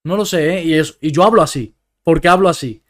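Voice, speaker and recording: A man from Melilla speaks with its local Spanish accent in a casual podcast conversation. His voice sits a little high, and he presses his points with insistent repetition. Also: fairly quick. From Melilla, Spain. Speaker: podcast co-host. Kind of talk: casual chat.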